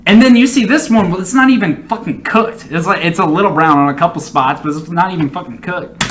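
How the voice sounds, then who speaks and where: A man with a fairly high, bright, forceful voice gives casual reaction commentary. He rambles and swears freely, full of opinions. There is faint noise behind him. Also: a little fast. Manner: often breaks into laughter. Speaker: reaction video host.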